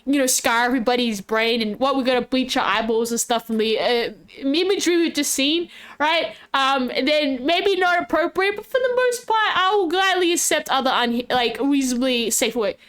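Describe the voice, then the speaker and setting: A woman's voice: sits high, lively intonation, normal speed, few pauses, a bit bright. A woman hosting a livestream as game master, improvising casually in a cute, playful, giggly anime-streamer manner. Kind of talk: casual improvised role-play narration to a stream chat.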